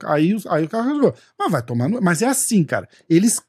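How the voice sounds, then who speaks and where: A Brazilian man with a Brazilian Portuguese accent, hosting a studio talk show and telling a profane, animated story as he acts out the dialogue. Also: sits high, quick pace, breathy edge, no echo. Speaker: podcast host. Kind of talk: casual storytelling chat.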